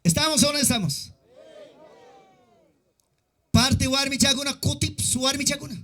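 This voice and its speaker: A male pastor preaching a sermon in a mix of Quechua and Andean Peruvian Spanish, with an Andean Peruvian accent, shouting at times, then dropping his voice low. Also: measured pace. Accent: Peruvian Andean Spanish mixed with Quechua.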